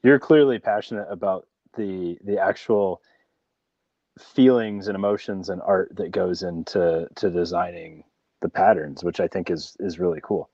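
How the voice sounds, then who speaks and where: A very low-pitched man hosting a relaxed chat, rambling and encouraging his guest. His voice sounds dry, close and a bit muffled. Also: normal speed, dry recording. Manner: encouraging, rambling, tags questions with "right?". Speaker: podcast host. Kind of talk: casual interview chat.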